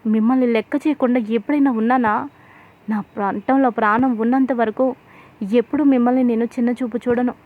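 A woman's voice: a little high, steady tone, brisk, close to an everyday voice. Woman reading a humble, pleading older wife, tinny sound.

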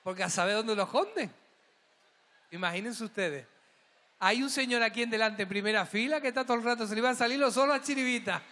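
A man's voice: very high-pitched, quick pace, bright, forceful tone. A man hosting a live gala, joking and teasing the audience in a camp way. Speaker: gala host. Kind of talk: live stage banter with the audience. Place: large hall at a live gala. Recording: echoing hall, crowd noise.

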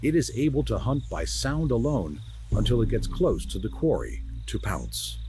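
A man reading scripted nature documentary narration in a measured, descriptive manner, as the narrator of a wildlife film. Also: medium pitch, big pitch swings, noisy background. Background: music.

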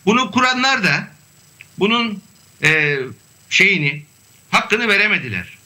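High, bright-voiced male academic guest. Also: lively intonation. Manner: measured, hesitant with frequent fillers. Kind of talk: remote panel discussion.

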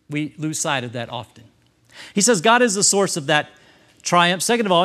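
Emphatic pastor preaching, somewhat high voice. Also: male voice, fairly bright tone. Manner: emphatic, talks with the congregation, light humor. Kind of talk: sermon. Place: church service before a congregation.

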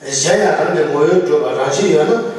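A man, a Buddhist lama, giving a religious teaching in a loose, halting way with frequent chuckles, recorded from a distance in a large monastery hall. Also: a little high, a little mellow, slight background noise. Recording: echoey hall from far off.

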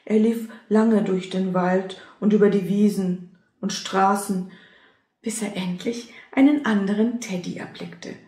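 A woman reading a children's story aloud and speaking gently to the young listeners. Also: mid-range voice, a little slow. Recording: roomy echo.

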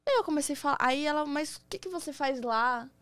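A young Brazilian woman with a somewhat high voice tells her own story as a podcast guest. She acts out the quoted lines of the conversation she describes, and the recording is close and dry. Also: fast talker, dry recording. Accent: Brazilian Portuguese. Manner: lively storyteller acting out quoted dialogue. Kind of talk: casual storytelling interview.

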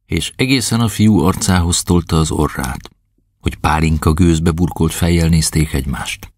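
A man narrating a novel as an audiobook, in an expressive, dramatic storytelling manner. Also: sits low, breathy edge, dry recording.

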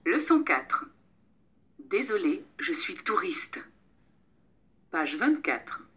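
A woman playing a polite, lost tourist in a textbook listening dialogue, speaking slowly and clearly. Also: on the low side, very animated, fairly bright tone, a little hiss or hum, exaggerated voice.

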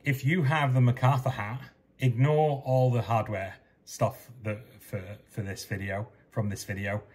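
A man's voice: mid-range voice, fairly even intonation, a little slow, a little mellow, husky. A man in his fifties giving a methodical technical tutorial from a basement workshop, recorded on a desk webcam. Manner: methodical, repeats steps plainly. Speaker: DIY sailing electronics presenter.

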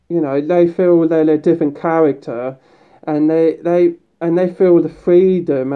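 Slow rambling voice muffled by a mascot head. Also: medium pitch. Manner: rambling and upbeat, with many fillers and restarts. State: talking through a mascot head. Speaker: fursuit video creator. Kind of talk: casual vlog talk. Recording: dull lo-fi recording.

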